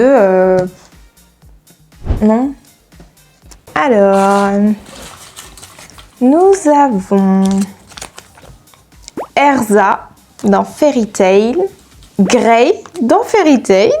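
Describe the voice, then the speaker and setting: A young woman with a French accent, chatting casually to her viewers in an animated, giggly way. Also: medium pitch. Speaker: YouTuber. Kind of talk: casual chat to camera.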